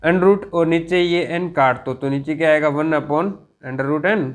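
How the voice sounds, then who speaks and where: Slow-dictating male math teacher. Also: fairly high pitch. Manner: slow, drawn-out dictation with frequent check-ins. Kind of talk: blackboard math lecture.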